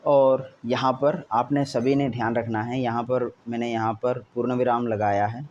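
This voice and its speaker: A man teaching Sanskrit grammar to schoolchildren, reading each example sentence slowly and then giving its meaning. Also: mid-range voice, flat delivery, a little mellow. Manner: repeats each example with a Hindi gloss. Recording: dull lo-fi recording with faint hiss.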